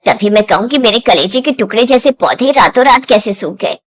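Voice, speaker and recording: A woman's voice: fairly high pitch, lively intonation, fairly quick. A woman voicing a stern older mother-in-law in a storybook drama. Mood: scolding. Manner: scolding, later gentle.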